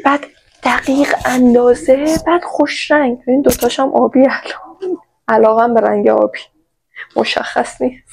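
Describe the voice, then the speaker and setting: A woman's voice: on the high side, steady tone, gravelly, a little mellow, slightly rough, poor audio. Playful, chatty woman vlogger. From Iran. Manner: playful and chatty, talks straight to viewers. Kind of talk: casual shopping haul vlog. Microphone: own microphone.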